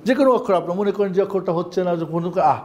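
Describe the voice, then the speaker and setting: A man with a Bangladeshi accent teaching Quran reading in an online class, drilling Arabic sounds in slow call-and-repeat. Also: high-pitched, a little mellow.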